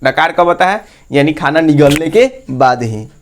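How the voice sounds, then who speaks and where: Male teacher, higher voice. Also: animated, unhurried, slight background noise. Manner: quizzes listeners with repeated questions and answers them himself. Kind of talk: exam-prep lesson teaching memory tricks.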